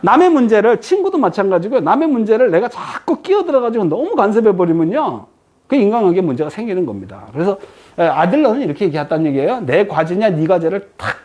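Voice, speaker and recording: A woman's voice: mid-range voice, fast talker, slightly rough. A woman giving a lecture, asking the audience frequent questions and answering them herself. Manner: lively rhetorical questions to the audience.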